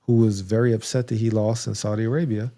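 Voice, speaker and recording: A man with a mellow, warm voice co-hosts a casual podcast and walks through wrestling results in a loose, rambling way. He restarts sentences often and breaks into small laughs, sounding slightly hiccupy. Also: on the low side, flat delivery, fast. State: has the hiccups. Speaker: podcast co-host. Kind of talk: casual wrestling recap chat.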